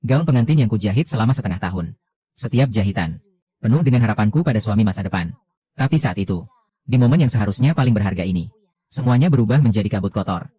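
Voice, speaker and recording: A man narrating a dramatic first-person animated story in a steady reading voice. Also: lowish voice, quick pace.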